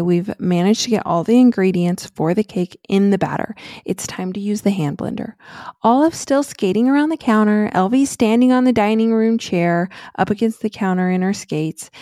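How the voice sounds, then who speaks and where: Woman, thirties, podcast host, animated storytelling, dry close sound. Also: medium pitch, moderate pace, no room sound. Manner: animated, laughs through the story. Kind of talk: personal storytelling.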